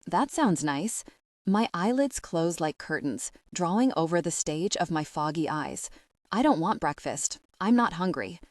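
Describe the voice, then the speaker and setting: Low, dry-voiced woman narrating an audiobook. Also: animated, a little slow, no room sound. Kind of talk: first-person audiobook narration.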